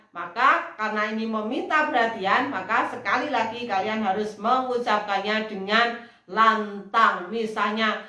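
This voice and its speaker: In an echoey room, a female English teacher explains things slowly during a recorded lesson, acting out model phrases in a loud, high voice.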